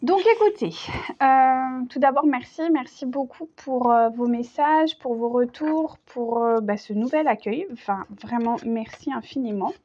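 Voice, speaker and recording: A woman's voice: a little high, unhurried, a little mellow. A woman giving a casual tarot reading, chatty and hesitant, with many fillers. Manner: chatty, hesitant, full of fillers, laughs easily. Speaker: tarot reader. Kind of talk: casual spoken tarot video. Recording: dull lo-fi sound.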